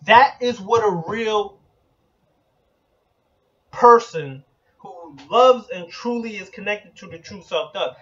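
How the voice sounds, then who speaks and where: High-voiced man preaching bluntly. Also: slow pace, pauses often, a bit bright. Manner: blunt, emphatic, repeats slogans; occasionally profane. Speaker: occult channel host. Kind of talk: preaching monologue. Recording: dull lo-fi recording.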